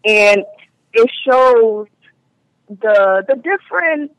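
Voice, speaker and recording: A woman's voice: a little high, animated, very slow, no echo, rough recording. A woman from Liberia, a producer being interviewed on the radio, talking in an upbeat and enthusiastic way. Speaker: web series producer, guest.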